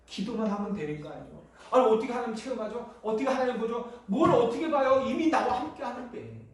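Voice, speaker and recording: A man's voice: extremely high pitch, expressive, fast talker. A man preaching a Sunday sermon in a church, asking the congregation questions and answering them himself. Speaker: pastor. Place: church sanctuary. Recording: echoey church hall from far off.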